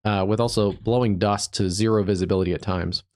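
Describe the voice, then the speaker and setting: A man hosting a live severe weather stream as a meteorologist, stuffed up from allergies, talking through the radar in an easygoing, halting way with many fillers. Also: on the low side, fairly even intonation, crowd noise. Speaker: digital meteorologist, livestream host.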